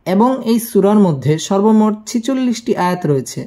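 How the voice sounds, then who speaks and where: A woman teaching Quran recitation, spelling out each word syllable by syllable and then slowly chanting the verse. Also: medium pitch, very animated, mellow. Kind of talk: slow spelling-out tajweed lesson.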